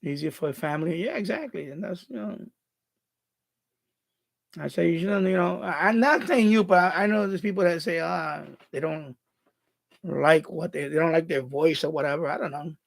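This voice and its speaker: Born in Puerto Rico and raised in the Bronx, this man speaks with a Bronx New York accent in a fairly high, creaky voice at a normal pace. He hosts a live stream, chatting casually and reading viewer comments aloud, rambling and restarting his words as he goes.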